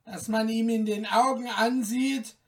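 Woman reading as rough male gate guards, loud barking orders, mocking tone, heard from a way off mic. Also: steady tone, a little slow, distant mic. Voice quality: rough, deep-voiced per the tale, shouted. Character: gruff shouting male gate guards, hostile.

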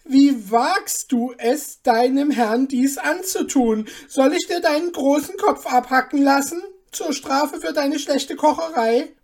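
In a storybook reading, a woman voices a wrathful, pompous old duke who rules a court, bellowing threats in fury. Her delivery is slow, steady, and warm in tone, on the high side yet pitched above her own natural voice.

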